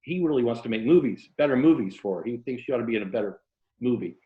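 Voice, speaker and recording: He speaks fast, with lively intonation at medium pitch: an American writer from Tampa, Florida, appearing as an interview guest on an indoor video call. Self-deprecating and wry, he converses casually, then reads from his novel, over roomy, muffled audio.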